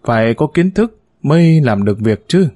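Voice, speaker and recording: A man voicing a gruff older brother who coaxes his younger sibling in a low, subdued voice, read as part of a story. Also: big pitch swings, normal speed, mellow, natural voice. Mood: coaxing.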